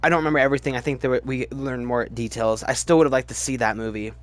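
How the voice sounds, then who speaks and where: This medium-pitched man races along with fairly even intonation while hosting a film-ranking video. His casual, opinionated reviews come out emphatically, often with stammers and repeated words.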